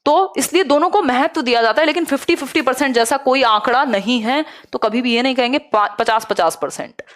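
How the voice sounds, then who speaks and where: A woman's voice: high-pitched, a little fast, a bit bright. A young adult woman with a Hindi accent teaching a live online exam-prep lecture, explaining with rhetorical questions and English terms.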